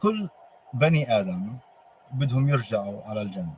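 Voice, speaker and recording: A man with a Palestinian Arabic accent giving an informal religious monologue, halting and posing emphatic rhetorical questions. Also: lowish voice, expressive, a little mellow. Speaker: religious speaker. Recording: clearly noisy ambient background.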